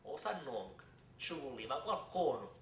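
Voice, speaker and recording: A man with a southern Italian, Sicilian accent telling a tale theatrically, with dramatic repetitions and pauses. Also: medium pitch, big pitch swings, a little hiss or hum. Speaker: theatre storyteller. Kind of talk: theatrical oral storytelling in Sicilian dialect. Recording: echoey room, distant microphone.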